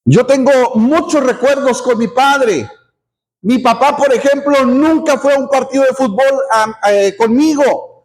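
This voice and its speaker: A man's voice: very high-pitched, unhurried. A middle-aged male pastor preaching a sermon, earnest, repeating words as he builds his point and now and then dropping in an amen.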